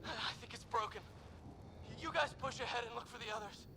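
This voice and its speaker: A man's voice: very high voice, rapid-fire, creaky. A man playing an injured soldier in a video game, speaking in pain from a broken leg. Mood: pained, strained. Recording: noisy game battle ambience behind voice.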